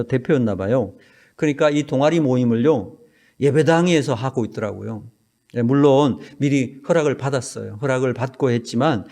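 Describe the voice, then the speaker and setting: A male pastor preaching an earnest sermon in a church, his voice dropping low at the ends of phrases. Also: a little mellow. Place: church sanctuary.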